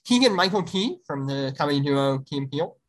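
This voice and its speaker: A man's voice: fairly high pitch, lively intonation, fairly quick, rough recording. A young man hosting a casual podcast, upbeat and chatty with lots of fillers and laughter. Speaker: podcast host.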